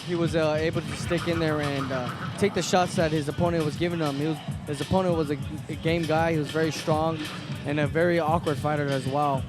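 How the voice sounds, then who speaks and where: A man giving unscripted boxing analysis in halting, repetitive phrases. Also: a little high, fairly even intonation, over music.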